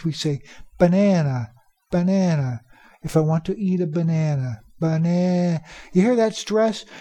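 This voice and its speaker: A native English speaker teaching teachers about pronunciation, repeating key phrases for emphasis and slowing down to demonstrate. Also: medium pitch, mellow, slightly rough. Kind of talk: instructional talk.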